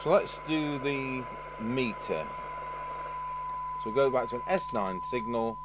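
The radio repair technician, a UK host, narrates his bench repair methodically and dryly, taking his time in a mid-range voice. Behind him, the indoor workbench recording has a clear, constant hum and background noise.

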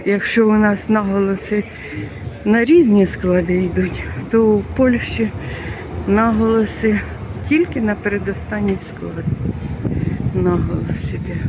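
Woman from ukraine chatting away on a walk, city traffic rumbling behind her, easygoing vlog talk. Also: measured pace, long pauses. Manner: chatty, explains things as she walks. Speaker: vlogger. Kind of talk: casual walking vlog narration. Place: outdoors on city streets. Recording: clear street noise and passing traffic.

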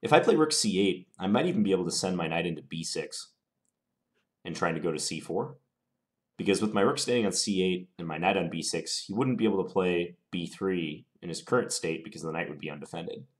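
A deep-voiced man, a chess commentator playing online, thinks aloud as he works through his moves. He sounds calm, measured and analytical, with a slight cold.

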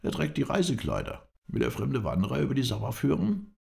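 A man's voice: mid-range voice, wildly swooping pitch, a little fast, vocal fry, a little mellow, voice pushed up, heavily acted. A man voicing a bitter, scheming male Bedouin guide who speaks in a resentful, accusing way in an audiobook reading. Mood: questioning.

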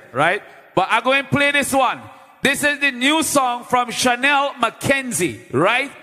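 High, bright-voiced Vincentian hype man. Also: big-room sound. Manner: loud, playful, chanting call-outs to the audience. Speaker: livestream host and DJ. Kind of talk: hype live-stream hosting.

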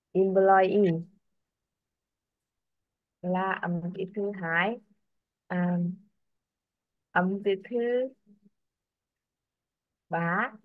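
A woman's voice: mid-range voice, dry recording. Hesitant girl student on a tinny call. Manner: hesitant, unsure. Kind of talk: answering in online class. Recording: tinny call audio, dry.

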